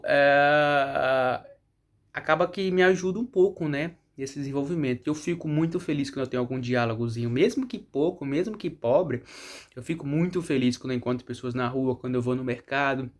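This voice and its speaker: Young Brazilian man vlogging, Brazilian Portuguese accent, a touch high-pitched, rambling casual delivery. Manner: chatty, rambling, frequent "né?" tag questions. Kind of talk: casual chat.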